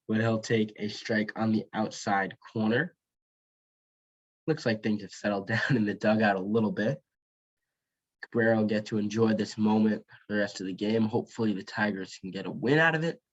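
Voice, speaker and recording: Low-voiced man calling baseball, dull sound. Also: fairly even intonation, moderate pace. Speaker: baseball play-by-play commentator. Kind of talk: baseball play-by-play commentary.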